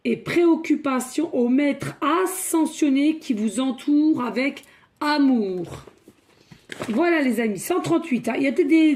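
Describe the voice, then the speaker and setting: A woman doing a spiritual card reading, excitable and thinking out loud as she draws cards. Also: high voice. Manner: excitable, thinks aloud, breaks into song. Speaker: tarot card reader.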